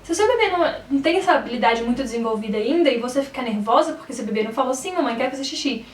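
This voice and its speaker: Young Brazilian mom vlogger, chatty, roomy echo, mic a bit far off. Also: female voice, on the high side, expressive, racing, a little hiss or hum. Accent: Brazilian Portuguese. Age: 20s. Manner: chatty, keeps checking in with "sabe?". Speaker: mother giving parenting tips. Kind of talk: casual advice vlog.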